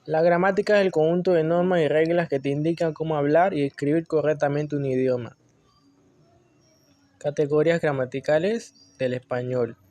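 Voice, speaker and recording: A man reading class notes aloud in a measured, list-like way, with occasional slips. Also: a little high, steady tone, mellow, no room sound. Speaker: student presenter.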